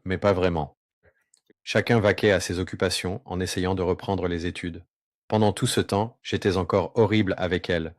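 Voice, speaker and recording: In a dry, close recording with no room sound, a man recounts his personal story as a remorseful confession. His voice has been shifted unnaturally deep to keep him anonymous. Earnest throughout, he takes pauses and slows at the important parts.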